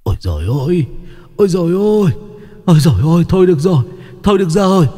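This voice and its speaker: One-eyed hungry ghost, male, shrill, whining and begging. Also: big pitch swings, fast, warm tone, in a large hall. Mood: wailing, begging. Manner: wailing, pleading, greedy.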